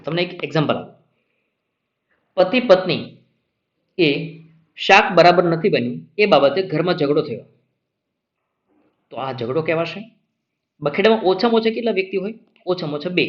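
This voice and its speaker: Man teaching, repeating each point. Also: a little high. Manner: explanatory, repeats key points, checks with "clear?". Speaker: exam-prep teacher. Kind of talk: classroom lecture. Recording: dull lo-fi recording.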